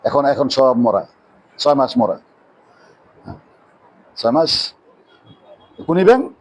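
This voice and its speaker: A man preaching a sermon in a mosque. He asks rhetorical questions and answers them himself, and drops his voice low on key words. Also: lively intonation, takes it slowly, low-quality recording. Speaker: Islamic preacher.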